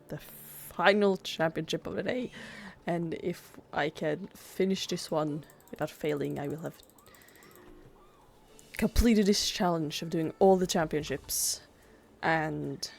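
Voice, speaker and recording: Chatty woman with a gravelly voice. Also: sits low, a little mellow. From Sweden. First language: Swedish. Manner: chatty and rambling, full of "like" fillers. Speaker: gaming YouTuber. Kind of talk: casual gameplay commentary.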